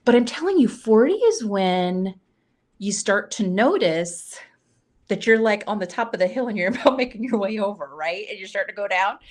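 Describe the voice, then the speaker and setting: A woman's voice: mid-range voice, normal speed. A woman in her forties, a humor writer, telling comic stories and acting out the voices of the people in them. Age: 40s. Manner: lively comic storyteller acting out quoted voices. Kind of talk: animated storytelling.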